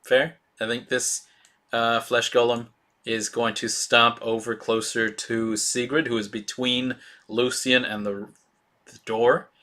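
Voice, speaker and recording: A man running a tabletop role-playing game as game master, describing scenes in a halting way with many fillers. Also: medium pitch, flat delivery, pushed and bright.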